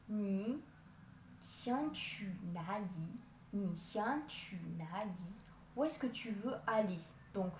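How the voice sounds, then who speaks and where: A woman giving a language lesson, patiently explaining step by step and sounding out foreign words slowly. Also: medium pitch. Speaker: Chinese language teacher. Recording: echoey room, distant mic.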